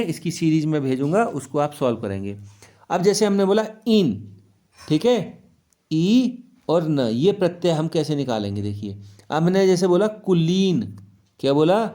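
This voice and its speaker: A man's voice: fairly high pitch, warm tone. Man teaching a grammar lesson. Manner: asks the class questions and answers them himself; repeats key words, checks in with "clear?". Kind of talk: Hindi grammar lesson for children.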